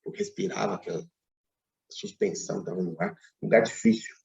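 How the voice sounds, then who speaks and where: A man's voice: fairly low pitch, wildly swooping pitch, brisk, creaky, a little mellow, reverberant, rough recording. A Brazilian man giving a spiritist public lecture, telling a story with frequent asides and tag questions. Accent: Brazilian Portuguese. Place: lecture hall.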